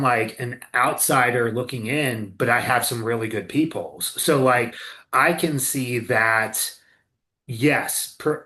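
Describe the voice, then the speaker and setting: A man's voice: mid-range voice, sharp tone. A man hosting a casual podcast conversation, blunt and swearing freely about the system. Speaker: co-owner and clinical director, host.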